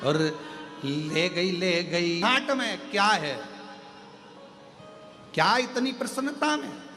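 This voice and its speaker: A man's voice: high voice, takes it slowly. A man preacher telling a devotional story dramatically at a large religious gathering, with long reverb and music behind. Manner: dramatic storytelling with sung verses. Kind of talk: devotional katha sermon.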